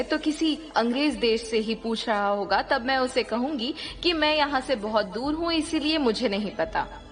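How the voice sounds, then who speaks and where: An actress dubbing a restless young woman who scolds and reasons with a lovesick suitor in drama dialogue. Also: sits high. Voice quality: scolding, exasperated. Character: restless young woman, exasperated and sharp-tongued. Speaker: dubbed drama lead.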